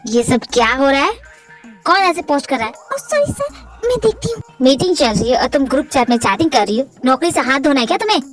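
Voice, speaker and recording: Fan-dub casting: woman playing a smug billionaire husband, still a high voice for a man, music under it. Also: animated, quick pace. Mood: angry, scolding. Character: bossy, flirtatious billionaire husband, adult man. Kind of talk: amateur Hindi fan dub acting. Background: background music.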